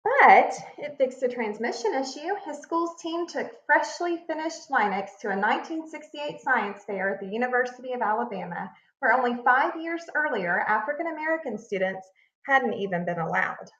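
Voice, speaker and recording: In an echoey room with slightly muffled sound, a woman with a voice on the high side reads a children's picture book aloud like a teacher. Her storytelling is expressive and deliberate, leaning on key words for emphasis.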